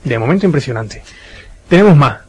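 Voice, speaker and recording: A man's voice: medium pitch, animated, fairly quick, darkish tone, husky, poor audio. A man hosting a Spanish radio show about the paranormal, guiding his guests with questions. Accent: Spanish (Spain). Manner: guides guests, asks questions. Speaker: radio host.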